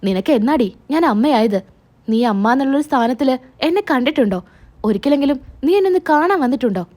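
A woman's voice: high-pitched, animated, brisk, darkish tone. A woman doing a stingy, scolding old mother. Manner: scolding, grumbling.

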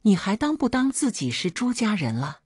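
A woman's voice: mid-range voice, very animated, normal speed, a little mellow, breathy edge, dry recording, clean studio sound, voice pushed up. A woman voicing a stubborn old father. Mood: indignant. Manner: scolding, indignant. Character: elderly father in his seventies, stubborn, demanding, favors his son.

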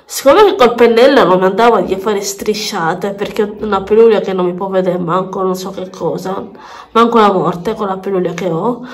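A woman with a pinched, blocked-nose voice from a head cold, chatting casually and repeating herself in a makeup vlog. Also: medium pitch. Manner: rambling, repeats words and phrases. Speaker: beauty vlogger. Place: bathroom at home.

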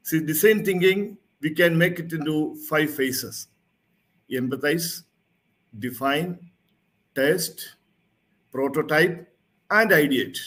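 A man giving a formal keynote talk over a video call, reading through his slides in a measured presenter tone. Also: a little high, a bit bright. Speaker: keynote speaker. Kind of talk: prepared conference keynote. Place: home or office, seen on video call. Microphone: video call webcam mic.

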